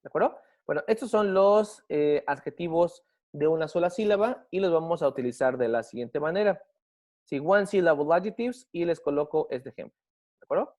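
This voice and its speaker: A man teaching an English grammar lesson in a patient explaining manner. He often checks whether his students follow him, and he slows down to spell and model English words. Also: fairly high pitch, animated, a little mellow. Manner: patient, checks understanding with frequent questions. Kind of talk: explaining grammar in a recorded class.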